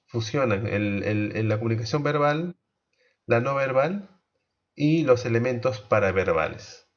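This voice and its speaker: A man teaching a class, explaining slowly, asking the students questions and restarting his sentences often. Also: medium pitch, expressive, lo-fi sound. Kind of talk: online class lecture.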